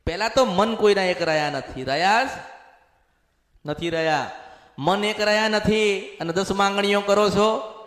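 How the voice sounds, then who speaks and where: A man's voice: high-pitched, measured pace, fairly bright tone. A man acting as a spiritual medium, preaching in a possession sermon and speaking as a goddess in the first person, with lots of repetition. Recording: echoey hall with long reverb.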